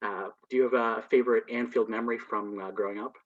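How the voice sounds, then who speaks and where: A young man hosting an interview, asking quick friendly questions. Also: on the low side, fairly even intonation. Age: young adult. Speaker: podcast host. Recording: distant, dull call audio.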